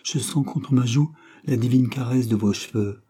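A man reading a lovesick young prince's lines aloud in a fervent, declamatory way, raised and louder than his narration. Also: medium pitch, moderate pace, slightly rough, lightly acted.

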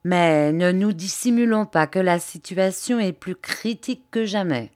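Woman reading grave anxious male explorer, earnest urgent explaining, audiobook, low voice, dry close mic. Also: measured pace, a little mellow, no room sound, close to an everyday voice.

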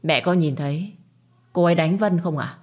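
A woman voicing a calm, firm young man in a storybook reading, an elder brother who questions steadily. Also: fairly low pitch, moderate pace, close to an everyday voice.

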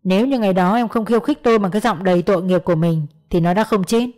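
A woman doing an enraged, menacing man in an audiobook, a betrayed partner hurling accusations, with a dark, mellow tone and faint music underneath. He sounds threatening and bitter throughout. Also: mid-range voice, quick pace, lightly acted. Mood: enraged, accusing.

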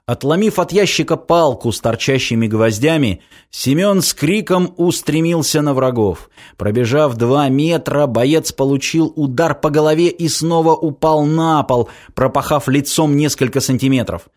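A man narrating a dark action story in a measured, even scripted reading. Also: fairly high pitch. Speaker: audiobook narrator.

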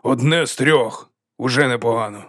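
A man voicing an excitable male band leader who talks loudly and insistently. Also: medium pitch, normal speed, no room sound, studio quality, lightly acted. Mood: defiant.

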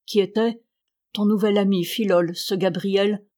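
A woman's voice: medium pitch, fairly even intonation, unhurried, warm tone, natural voice. A woman voicing a grieving young sergeant who speaks earnestly in an audiobook reading. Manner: earnest, emotional.

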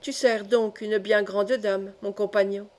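A woman's voice: mid-range voice, little pitch movement, unhurried, a little mellow, natural voice. A woman reading aloud, voicing a young male poacher who talks through clenched teeth, tense and threatening. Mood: tense, scornful.

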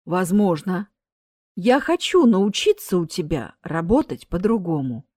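Grumpy old skeleton death lady, gruff and clipped, lively swings in pitch, dry close sound, a woman reading her. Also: measured pace, no echo. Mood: pleading.

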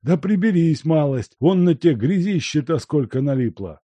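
A man voicing a fussy, grumbling old male house servant who laments and frets in a high, agitated voice. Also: animated, normal speed, mellow, no room sound. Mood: fretful.

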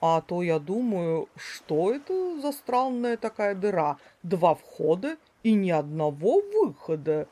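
A woman doing a slow, puzzled boa snake. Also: big pitch swings, mellow, full character voice. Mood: puzzled, calm. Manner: low, slow, wondering. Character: slow, gentle male boa constrictor, puzzled and calm.

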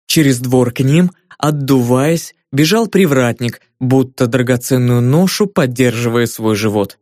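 A man narrating a fantasy novel as an audiobook in a lively, expressive reading. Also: medium pitch, measured pace, dry recording, clean studio sound.

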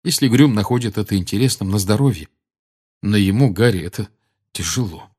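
A man's voice: on the low side, expressive, fairly quick, darkish tone, breathy edge. Dramatic male audiobook narrator. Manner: dramatic, rising and dropping with the tension.

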